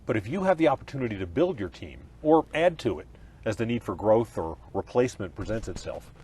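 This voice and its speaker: A middle-aged man, a pastor, giving a scripted leadership lesson outdoors at ball fields in an earnest, expressive manner. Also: fairly low pitch, brisk, husky. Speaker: pastor teaching a leadership course. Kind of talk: scripted teaching session.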